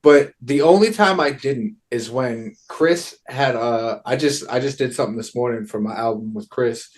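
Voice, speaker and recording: A guest musician chats casually about making his album in a plain, medium-pitched voice at a moderate pace. Relaxed and conversational, he uses lots of slang and swearing and keeps saying "you know what I mean."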